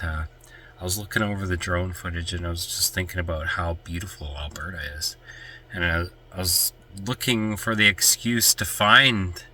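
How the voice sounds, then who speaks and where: His low voice comes across pushed and bright, with slight background noise behind it. He's a stuffy-nosed man from Canada vlogging casually about van life, chatty, rambling and easily distracted.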